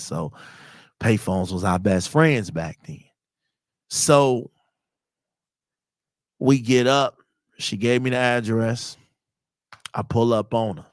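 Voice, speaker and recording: This Chicago podcast host, a man in his thirties, shares personal stories conversationally and with plenty of slang, performing the dialogue he quotes. He has a lowish voice, and the studio-quality recording has no room sound.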